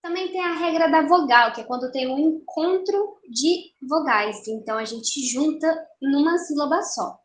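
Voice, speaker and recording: A young woman teaching an online literature lesson, explaining patiently and slowing down to count syllables aloud. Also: high-pitched, slight background noise. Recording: roomy echo.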